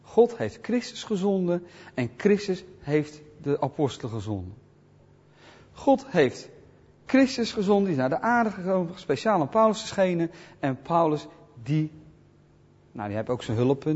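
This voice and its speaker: A man leads a Bible study in a husky, slightly breathy voice, his pitch rising and falling a great deal as he presses each point. The sound is dull and lo-fi, with a long reverb that rings around a large hall. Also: sing-song, moderate pace, a little mellow. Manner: emphatic, with frequent rhetorical check-ins. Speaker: Bible teacher.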